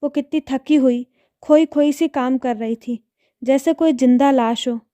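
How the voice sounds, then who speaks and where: A woman voicing a calm, wise older mother in a read-aloud story, speaking gently to her daughter. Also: high-pitched, a little slow, dry recording. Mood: tender. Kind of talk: storybook narration.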